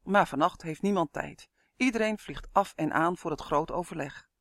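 A man voicing a brusque, loud male dwarf traffic controller in an audiobook. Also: fairly high pitch, moderate pace, vocal fry, dry recording, clean studio sound. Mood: exclaiming. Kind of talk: audiobook character voice.

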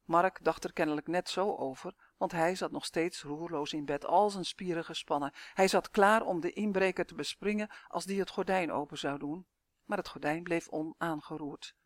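A narrator tells a first-person story in a calm, measured way. The voice sits at an ordinary middle pitch. It is recorded close and dry, with no room sound. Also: dry recording.

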